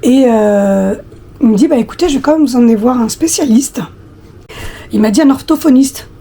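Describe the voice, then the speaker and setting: A woman in her thirties talks to her followers in a relaxed, chatty vlog, her husky voice a little hoarse from a recent flu. She sits slightly high for a woman and sounds soft and mellow. She often hesitates and reaches for the next word. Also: normal speed. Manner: hesitant, many fillers, talks directly to viewers. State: hoarse after flu, coughing. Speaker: lifestyle vlogger. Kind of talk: casual chatty storytelling.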